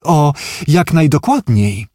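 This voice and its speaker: A man voicing a pious young woman who reads minds, speaking softly, sweetly and slowly in a raised voice. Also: on the high side, big pitch swings, no echo, studio quality, voice pushed up, exaggerated voice. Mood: serene, gentle. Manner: soft, sweet and unhurried. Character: pious young woman, gentle, mind-reading.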